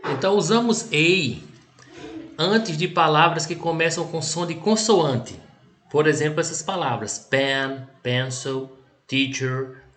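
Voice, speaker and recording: A man with a Brazilian Portuguese accent teaching an English lesson. He explains patiently, checks in often and reads example sentences slowly before translating them. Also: fairly high pitch, fairly bright tone. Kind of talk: recorded language lesson.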